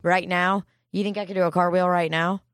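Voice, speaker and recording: A woman's voice: fairly low pitch, flat delivery, brisk, dry recording, clean studio sound. Teasing, wry woman podcaster. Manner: teasing, wry, laughs easily. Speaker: podcast co-host. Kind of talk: casual chat.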